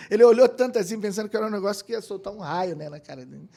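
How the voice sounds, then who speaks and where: A man's voice: sits high, fast talker, creaky. A middle-aged man from Brazil, a keyboardist and producer telling anecdotes in a casual interview. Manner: animated anecdotes with quoted voices and laughter. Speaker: guest, keyboardist and music producer.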